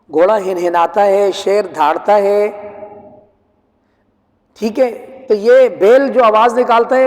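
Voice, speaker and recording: High-voiced male preacher in an echoing hall. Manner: lively storyteller, asks listeners rhetorical questions. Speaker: Quran teacher. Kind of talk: storytelling Quran commentary lecture. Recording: long reverb from a hall.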